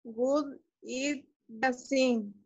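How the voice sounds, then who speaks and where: Woman student, very slow, shy repeating, highish voice, dull call audio. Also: fairly even intonation, darkish tone, breathy edge, dry recording. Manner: shy, repeats phrases slowly.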